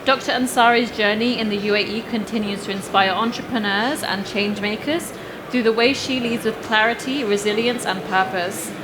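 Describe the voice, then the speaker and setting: A woman's voice: mid-range voice, normal speed. A young adult woman hosting a fireside interview, upbeat and gushing, with fillers. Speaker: interview host. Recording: clear background noise.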